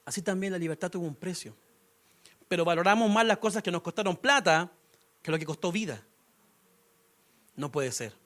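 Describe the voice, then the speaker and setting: High-voiced pastor preaching. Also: male voice, fast, fairly bright tone. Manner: conversational preaching with humor and rhetorical questions. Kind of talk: sermon.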